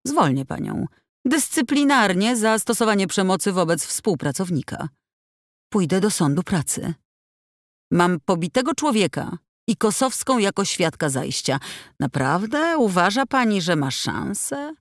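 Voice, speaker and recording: A woman reading an audiobook, voicing a cold, dismissive male company director who speaks in a calm, curt, bureaucratic way. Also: medium pitch, unhurried, no echo, clean studio sound, pitched above the performer's own voice. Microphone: close studio mic.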